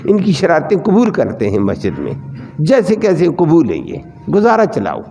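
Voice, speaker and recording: Animated preaching man in a reverberant hall. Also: on the high side, creaky, soft background music. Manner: animated storytelling with repeated lists. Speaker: Islamic scholar. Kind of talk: Quran commentary sermon.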